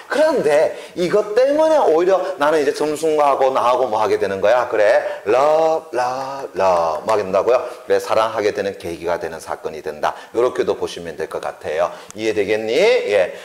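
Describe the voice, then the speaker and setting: A male literature teacher giving an exam-prep lecture. He asks questions and answers them himself, often checking that students follow, and he is playful at times. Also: mid-range voice. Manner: playful, acts out quotes. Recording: roomy echo.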